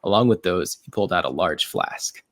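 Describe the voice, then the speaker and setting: A man narrating a fan story read-through in an even reading manner, with occasional slips. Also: low-pitched, fairly quick, dry recording, studio quality.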